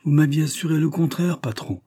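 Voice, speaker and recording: A man's voice: mid-range voice, normal speed, mellow, breathy edge, lightly acted. A man voicing an eager male servant who spies for his boss and reports to him humbly and at length. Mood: humble. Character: eager, deferential male servant turned spy.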